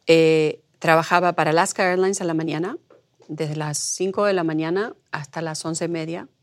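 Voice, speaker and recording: Argentine lady guest, middle-aged, tells stories with lots of swing in her voice. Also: lowish voice. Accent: Argentine Spanish. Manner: animated storyteller, acts out quoted voices. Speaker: guest, producer. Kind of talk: conversational interview.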